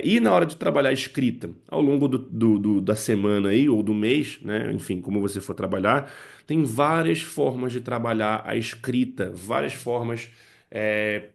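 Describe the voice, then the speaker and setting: A man's voice: medium pitch, animated, normal speed, creaky, a little mellow. A man teaching how to use poems in English lessons, explaining step by step and checking in with his listeners. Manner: explanatory, frequent "né" and "tá" check-ins. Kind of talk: spoken lesson to parents and teachers.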